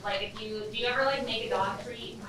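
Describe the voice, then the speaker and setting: A woman's voice: a little high, steady tone, quick pace, noisy background. A woman giving chatty, loose craft instructions to a group, with many "like"s. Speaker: craft activity leader. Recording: echoey room, far from mic, crowd chatter.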